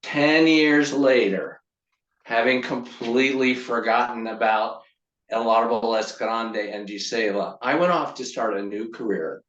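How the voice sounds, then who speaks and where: A man giving a humorous prepared storytelling speech to a club, with a deliberate delivery and dramatic pauses. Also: medium pitch, a bit bright, lo-fi sound. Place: meeting room. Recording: roomy echo, from far off.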